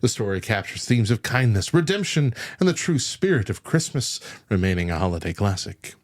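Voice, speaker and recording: Male podcast host, lively up-and-down delivery, chatty and quick to laugh. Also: lowish voice. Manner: animated, laughs often, loose rambling asides. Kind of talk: casual podcast chat.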